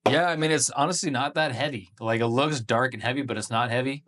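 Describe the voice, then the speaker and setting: A man's voice: mid-range voice, fast, a bit bright. A man hosting a casual beer-tasting review video, talking in a laid-back, profane, slangy way.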